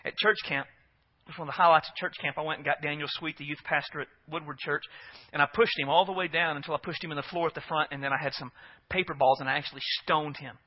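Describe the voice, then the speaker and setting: A man's voice: a little high, fast, muffled recording. A man preaching a sermon as pastor, earnest and emphatic, often asking his listeners rhetorical questions.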